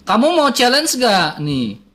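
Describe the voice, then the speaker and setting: A man's voice: high voice, wildly swooping pitch, measured pace, a bit bright. A man hosting a live-stream chat, teasing his guest in a mock-preachy way.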